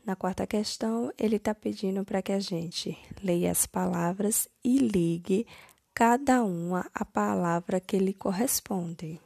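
Woman, teacher, very slow, gravelly, dry close sound, step-by-step homework correction. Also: mid-range voice, dark tone, no room sound. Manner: slow, step-by-step, stressing each word. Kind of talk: recorded homework correction for first graders.

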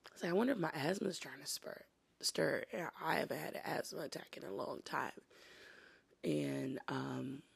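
Hoarse woman with a gravelly smoker's rasp. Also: low-pitched, moderate pace. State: sick, congested and wheezy, coughing and throat-clearing. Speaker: podcast host. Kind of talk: casual personal update.

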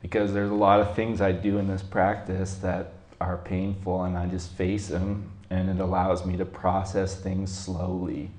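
A man telling a reflective personal story to a group, halting, with many fillers. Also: low-pitched, completely flat delivery, darkish tone. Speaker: group participant sharing a story. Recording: roomy echo.

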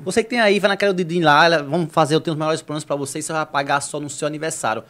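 A man's voice: fairly high pitch, fairly even intonation, very fast, fairly bright tone. A man improvising a hard-sell advert as a show host, addressing listeners directly and pushily. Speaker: podcast host reading a sponsor spot.

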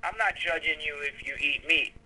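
Profane, bright-voiced man in his fifties. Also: on the high side, normal speed, slightly rough, poor audio. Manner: profane, emphatic, stammering restarts. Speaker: guest author. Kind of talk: casual podcast conversation.

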